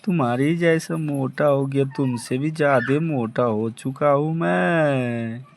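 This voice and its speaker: A man's voice: medium pitch, slow, gravelly, a little hiss or hum. A man voicing a thin, sensible, worried adult cartoon sidekick in an amateur cartoon dub, repeating his warnings.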